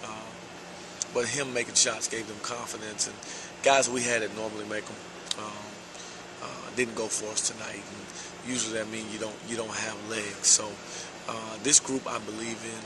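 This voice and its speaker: Low, flat-voiced coach in noisy arena. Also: male voice. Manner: measured, steady, frequent "uh" fillers. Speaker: basketball head coach. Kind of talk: post-game interview. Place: large empty indoor basketball arena.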